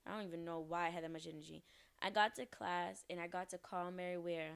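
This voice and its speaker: A woman's voice: on the low side, fairly even intonation, quick pace, vocal fry, clear, resonant tone. A woman in her twenties, a podcast guest, telling a story casually and acting out the quoted lines.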